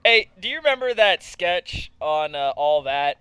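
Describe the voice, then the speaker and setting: A young man co-hosting a casual podcast, excitable and joking, quick to laugh. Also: fairly high pitch, a loud crowd. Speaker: podcast co-host.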